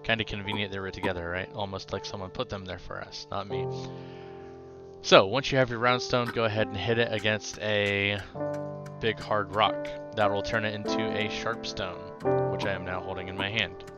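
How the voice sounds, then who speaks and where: A man casually narrating a game tutorial, explaining step by step with filler uhs and quick self-corrections. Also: fairly low pitch, flat delivery, highs cut off, music in the background.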